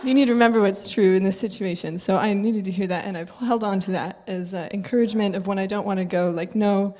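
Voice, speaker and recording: A woman's voice: mid-range voice, fairly even intonation, quick pace, darkish tone. A woman sharing a personal testimony at church in an earnest, chatty way. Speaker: congregation member giving testimony. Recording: echoey church hall.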